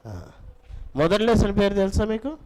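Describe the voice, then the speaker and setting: A man leads a children's Bible lesson with a slightly raised pitch. He fires short questions at the class and repeats them. He keeps coaxing the children to answer louder. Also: big pitch swings, moderate pace, low-quality recording. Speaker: Bible school teacher. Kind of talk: teaching children, quizzing the class.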